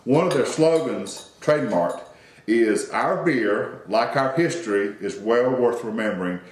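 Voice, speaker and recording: Speaking unhurriedly at a medium pitch, a man from North Carolina reads from his notes on a laid-back beer review podcast he co-hosts, full of fillers and restarts. The sound is reverberant.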